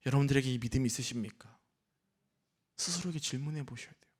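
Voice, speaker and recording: This man, a senior pastor, talks fast at a medium pitch as he preaches an animated sermon, questioning the congregation and voicing the characters of the story himself.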